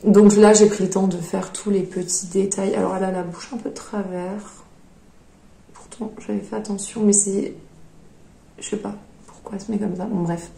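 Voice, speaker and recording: A woman's voice: medium pitch, level tone, moderate pace, gravelly, mellow, a little hiss or hum. A woman hosting a knitting podcast, chatting casually as she shows her projects, with many fillers and hesitations. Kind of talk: casual show-and-tell chat. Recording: echoey room.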